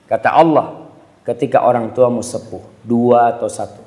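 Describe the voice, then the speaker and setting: A man's voice: mid-range voice, normal speed, a little hiss or hum. Man preaching in an echoey hall. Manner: animated storytelling, acting out mother and child. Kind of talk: sermon. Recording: echoey hall with long reverb.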